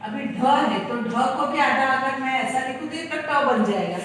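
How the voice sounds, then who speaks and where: A woman's voice: sits high, moderate pace, a bit bright, a little hiss or hum. A woman teacher patiently explaining how to write and pronounce letters, step by step, in a lesson. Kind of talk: Hindi grammar lesson. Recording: echoey room, far from the mic.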